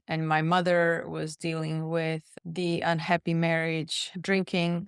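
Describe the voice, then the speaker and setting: A woman's voice: lowish voice, clear, resonant tone, dry recording, studio quality. A woman from Slovakia, a podcast guest telling her personal story in an earnest, reflective way. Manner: earnest, reflective, repeats words while thinking. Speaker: guest, nutritionist and pharmacist.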